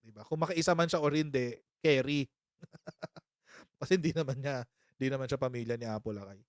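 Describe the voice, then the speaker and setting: A man with a mid-range voice talks fairly quickly while hosting a casual political commentary live stream, recorded in studio quality with no room sound. Chatty and sarcastic, he often bursts into laughter and mocks his critics by impersonating them.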